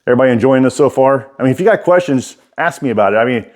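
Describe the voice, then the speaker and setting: Rapid-fire and expressive at medium pitch, a middle-aged American man gives a casual, rambling tour of his workshop. A writer and bladesmith, he speaks informally and folksily, out of the side of his mouth.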